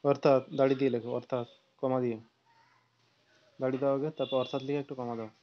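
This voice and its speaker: A man's voice: medium pitch, flat delivery, fast talker. A man working as a tutor, dictating notes to a student phrase by phrase and calling out the punctuation. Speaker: private tutor. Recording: dull lo-fi recording.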